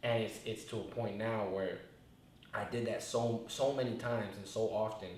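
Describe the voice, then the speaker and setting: On the low side and darkish, his voice stays steady at normal speed. He's a rapper in his 20s, an interview guest casually reflecting on his story in a laid-back, rambling manner full of restarts, recorded in a very echoey room with faint noise.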